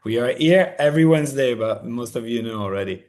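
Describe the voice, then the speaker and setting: A man's voice: medium pitch, lively intonation, fairly quick, a little mellow. Man giving live track feedback. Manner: hesitant, many fillers and restarts. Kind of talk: casual live feedback chat.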